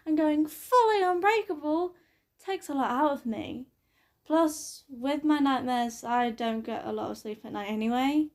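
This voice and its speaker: A woman reading fan fiction aloud in a casual way, with occasional fillers. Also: a little high.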